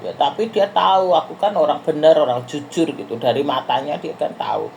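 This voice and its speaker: A woman's voice: sits low, lively intonation, a little fast, vocal fry, a little hiss or hum. A middle-aged woman from Indonesia, casually telling her viewers a rambling travel story and often calling them friends. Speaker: vlogger.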